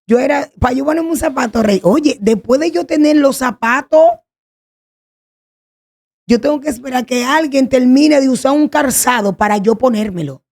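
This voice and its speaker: A woman tells her personal testimony in an earnest, pleading way. Her voice has a gravelly fry. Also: sits high, normal speed, a little mellow. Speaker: guest sharing a testimony.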